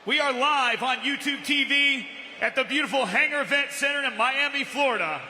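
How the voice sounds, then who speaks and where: A middle-aged man working as a ring announcer, booming out fight introductions with drawn-out, theatrical emphasis on a handheld microphone. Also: bright, forceful tone. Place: large event hall, boxing ring. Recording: echoey hall PA, some noise.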